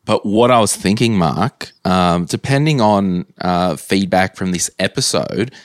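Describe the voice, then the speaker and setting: An Australian podcast host with a low voice speaks a little slowly in a casual interview chat. He thinks aloud in a rambling, tentative way. The recording is dry and of studio quality.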